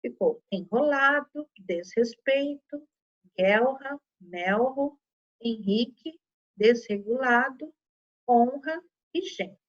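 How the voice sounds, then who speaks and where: A woman's voice: fairly high pitch, lively intonation, takes it slowly, muffled recording. A woman teaching children a lesson, patiently explaining step by step and checking in often. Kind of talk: online Portuguese lesson for children.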